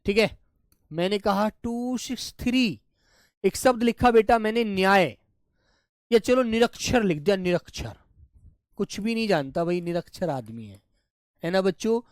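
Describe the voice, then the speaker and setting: Running his live online lesson with lively intonation, this male teacher repeats every word slowly and addresses the kids as "dear." When he repeats answers, his voice drops soft and low, and the sound is echo-free, studio quality.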